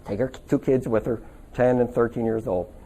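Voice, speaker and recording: A man's voice: medium pitch, fairly even intonation, normal speed, mellow. A man teaching a stress workshop to a live audience in a casual, chatty way, telling stories and checking that his listeners follow. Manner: chatty, anecdotal, asks the audience for agreement. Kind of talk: casual live seminar talk. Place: seminar room with a live audience.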